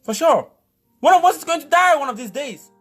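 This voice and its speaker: A man's voice: extremely high pitch, lively intonation, fairly quick, a bit bright, faint music behind. A man giving a motivational talk who speaks emphatically, repeats key phrases and urges the listener directly. He playfully acts out scenarios with exclamations.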